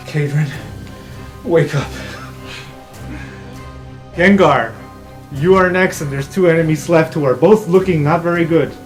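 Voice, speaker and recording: A man's voice: a little high, normal speed. A man narrating a tabletop game as game master, playful and theatrical. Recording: light music behind.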